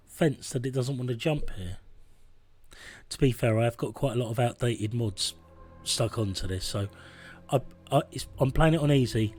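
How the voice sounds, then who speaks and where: A man in his forties talks through a strategy game on stream at a middling pitch, rambling and mocking his own play. He reads the game's prompts aloud as he goes. Faint music plays underneath. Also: a little mellow. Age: 40s. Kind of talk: casual gameplay commentary. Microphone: phone camera.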